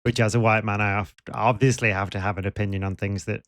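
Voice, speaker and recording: Man, podcast co-host, low voice, dry wit, sarcastic and self-mocking. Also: steady tone, fast, a bit bright, no echo. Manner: wry, self-deprecating, sarcastic. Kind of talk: casual chat.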